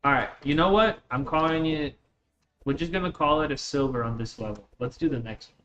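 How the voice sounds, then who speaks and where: A slightly Russian-accented gamer, who came to the United States from Russia at eleven, chats in slang with viewers as he streams. His voice sits on the higher side, with a fairly bright tone and a somewhat quick pace. Faint noise comes through the dull, lo-fi mic.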